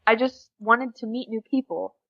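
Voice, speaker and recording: Here the same teen exchange student from small-town Oklahoma sounds a bit high, speaking at a moderate pace with vocal fry and a breathy edge. She's an informal interview guest making casual chat, using "like" constantly as filler, and the recording is muffled.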